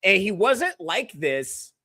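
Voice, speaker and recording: A man's voice: sits high, slow, no room sound. Ranting male podcast host, dry sound. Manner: animated ranting with swearing. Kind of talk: comedic podcast commentary on clips.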